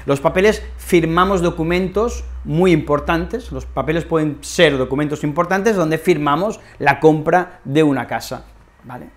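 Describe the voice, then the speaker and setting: Spanish lady teacher, accent from spain, super expressive, repeats stuff, acts out examples. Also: low voice, moderate pace. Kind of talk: teaching a language lesson.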